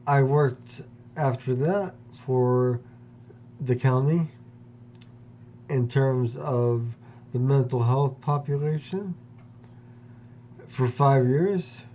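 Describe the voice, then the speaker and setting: A man in his fifties delivers a personal monologue, pausing often and weighing each phrase. His voice is mellow and dark, and he speaks slowly. The recording is dull and lo-fi, with a faint hum underneath. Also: mid-range voice. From Pennsylvania, US. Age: 50s. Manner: slow, deliberate, with long pauses. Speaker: vlogger.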